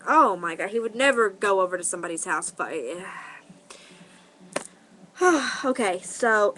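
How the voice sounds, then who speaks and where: A woman's voice: medium pitch, sharp tone, slight background noise, poor audio. A woman vlogger telling a personal story in an emotional, profane, rambling way, full of restarts. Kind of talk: casual storytelling monologue.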